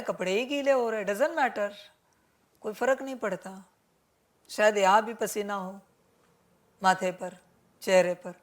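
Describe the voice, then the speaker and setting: A woman spiritual teacher giving a sermon that addresses her listeners as children. She gently admonishes and repeats her points, with English words mixed into her talk. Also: on the high side. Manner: mixes English words into Hindi.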